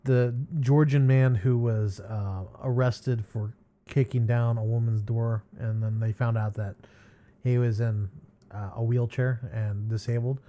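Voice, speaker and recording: A man of middle pitch talks through viewer comments as a host. His speech is loose and rambling, full of ums, sighs and small chuckles. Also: steady tone, unhurried, warm tone. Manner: rambling and hesitant, with many fillers and sighs.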